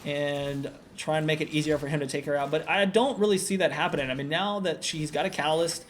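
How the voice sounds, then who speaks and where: Male solo game caster, slightly high voice, relaxed analytical play-by-play, lots of fillers, faint noise on the recording. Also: fast. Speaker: esports commentator.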